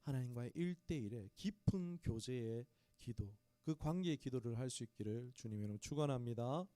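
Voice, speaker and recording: A man preaching a sermon in a warm, relaxed voice, chatting with his congregation as he goes. His pitch rises and falls with a lot of life. The sound is dry and close. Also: fairly quick, no echo. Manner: conversational preaching, talks straight to the congregation. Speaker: pastor. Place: small church.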